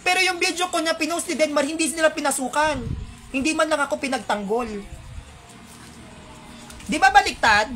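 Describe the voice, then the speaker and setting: A woman with a Filipino accent delivers an indignant, heated monologue to her viewers, with rhetorical asides. Her voice is high, fast and a bit bright, with faint music in the background.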